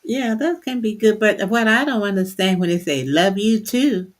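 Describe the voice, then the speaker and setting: An older woman on a faith talk panel, sharing earnest, unhurried reflections. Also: medium pitch. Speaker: panelist, host's mother.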